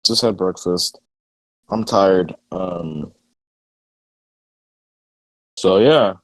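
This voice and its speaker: A man's voice: low-pitched, very slow. A young man streaming in casual solo chat, tired and rambling with lots of fillers and swearing. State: tired, just woke up.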